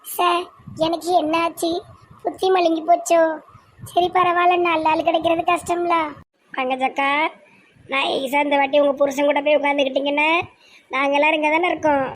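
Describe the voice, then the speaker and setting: Cartoon village gossip, a woman doing a chatty village woman, Tirunelveli accent, high flat voice, teasing tone. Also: normal speed, long pauses, natural voice. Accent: Tirunelveli Tamil. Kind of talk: cartoon voice acting.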